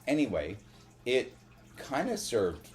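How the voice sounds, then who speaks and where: A man co-hosting a casual podcast chat, rambling and halting, swearing now and then. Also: medium pitch, huge pitch swings, a little mellow. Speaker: podcast co-host.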